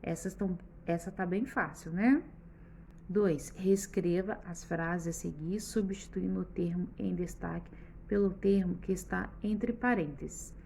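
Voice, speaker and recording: A woman teacher giving a patient, step-by-step lesson for children, often pausing to check that they follow along. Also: lowish voice, steady tone, creaky, warm tone, slight background noise. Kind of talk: remote schoolbook lesson for children.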